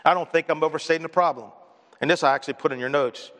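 A fairly high male pastor delivers an earnest sermon that rings through a reverberant church sanctuary. He builds to loud emphatic points, then drops low and gentle when he speaks of loss. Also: rapid-fire. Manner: earnest preaching, swells loud on key points, drops soft on grief.

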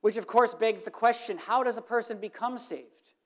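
A woman preaching an evangelistic sermon, earnest, swinging from emphatic lines to hushed, soft ones. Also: a little high, moderate pace.

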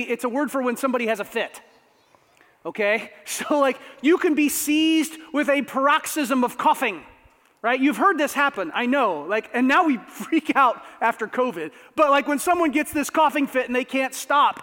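A man preaching a sermon as pastor, conversational and animated, with asides to the congregation. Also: very high voice. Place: church sanctuary. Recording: long reverb of a church hall.

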